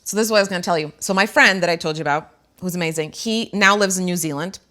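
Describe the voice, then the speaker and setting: Speaking fast in a bright, forceful voice on the low side, a middle-aged female show host shares personal matters with viewers. Her tone is earnest and emotional, and fillers crop up often.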